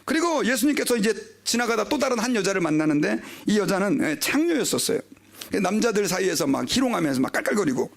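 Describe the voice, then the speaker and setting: High, lively gravelly preacher man. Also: quick pace. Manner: animated storytelling preacher; leads the congregation in reading aloud. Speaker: pastor. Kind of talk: sermon.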